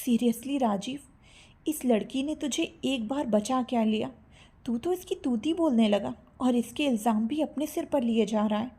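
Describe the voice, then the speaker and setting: Woman doing a snappy stuck-up college girl, husky and dark. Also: fairly high pitch, steady tone, drawn-out words, full character voice. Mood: angry. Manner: snapping and threatening. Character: haughty, hot-tempered young college woman.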